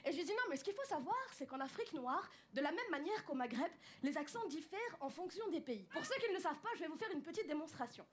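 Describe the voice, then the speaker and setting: Woman stand-up comic, very high voice, chatty self-mocking storyteller, noisy live club sound. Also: lively intonation, fast talker, few pauses. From France, of Tunisian parents. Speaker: stand-up comedian. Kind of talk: stand-up comedy set. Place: small comedy club, live audience.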